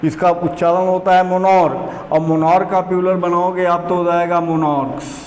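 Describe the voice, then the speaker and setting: A man teaching an English grammar lesson, speaking slowly and deliberately and repeating key words to drill them into his students. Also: high-pitched, level tone, darkish tone, roomy sound, long reverb tail, a little hiss or hum.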